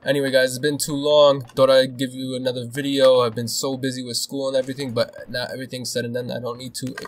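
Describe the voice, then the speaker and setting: A young man commentating his own game as he plays, excitable and swearing, swinging between nervous muttering and loud outbursts. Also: mid-range voice, quick pace. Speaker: gaming video host. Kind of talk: casual gameplay commentary.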